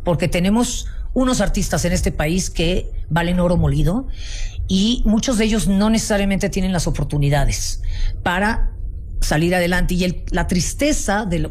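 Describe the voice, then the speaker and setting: Chatty woman from Mexico City. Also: lowish voice. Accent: Mexican Spanish, Mexico City. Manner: warm, passionate storytelling with many restarts and fillers. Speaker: guest, founder of a folk art business. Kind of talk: casual interview conversation.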